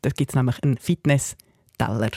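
A Swiss woman presenting a radio chat in a playful, teasing way, with a clear, close and dry sound. She leans into word jokes and keeps the conversation moving with easy humor. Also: rumbling low, fairly even intonation, normal speed, warm tone, no room sound. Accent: Swiss German. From Switzerland.

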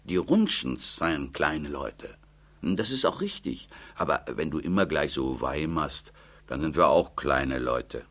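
A man's voice: rumbling low, big pitch swings, slow pace, a bit bright, exaggerated voice. A man reading a stern, lecturing young woman. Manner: firm, lecturing, matter-of-fact.

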